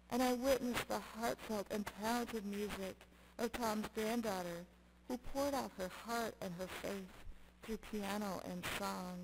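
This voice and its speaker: Speaking into a gooseneck microphone at the pulpit, this middle-aged woman, a Lutheran pastor, gives a sermon with scripture reading. Her pitch sits on the high side, her phrases are short, measured and emphatic, and the sanctuary recording carries obvious noise.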